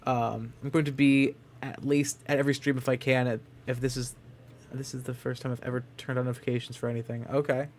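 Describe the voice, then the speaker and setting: A man's voice: mid-range voice, level tone, brisk. A man chatting casually as he streams a game. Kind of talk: casual chat while playing a game. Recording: clear background noise.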